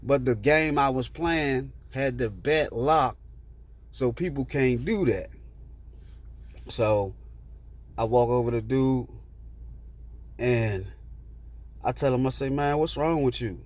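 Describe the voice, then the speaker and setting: A man's voice: mid-range voice, slow pace, long pauses. A man telling a rambling personal story in casual street slang with plenty of swearing, sitting in a parked car.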